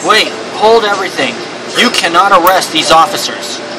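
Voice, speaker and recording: A man's voice: sits high, normal speed, lightly acted. A man voicing a courteous, bookish legal expert in a video game, formal and pedantic. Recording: clearly noisy background.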